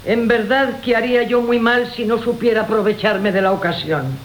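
Álvarez, a scheming, gossip-loving servant who feigns deference, is voiced by a performer in a Spanish classical radio comedy. The delivery is lightly acted, medium in pitch and at normal speed, heard through the hiss of a 1980 broadcast.

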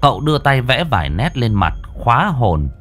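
A man's voice: mid-range voice, very animated, normal speed, fairly bright tone, faint music behind. A man narrating a ghost story in a vivid, dramatic way with crude slang.

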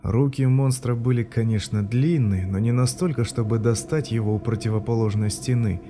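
A man reading a story aloud in a measured, even storytelling manner. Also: medium pitch, over music. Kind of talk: audiobook narration.

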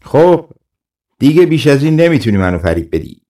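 Haughty irritable ruler, voiced by a man, storybook, lively. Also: mid-range voice, lightly acted. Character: proud, quick-tempered male ruler on horseback.

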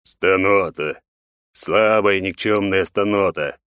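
A man playing a cold, stern emperor father who talks deliberately and growls. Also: sits low, fairly bright tone, smooth, no room sound, studio quality.

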